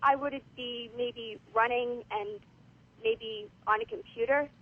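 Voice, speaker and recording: A woman calling in to a radio show from a crackly payphone line, speaking hesitantly with many pauses and ums. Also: a little high, steady tone, slightly rough. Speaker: radio call-in caller. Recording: muffled telephone line.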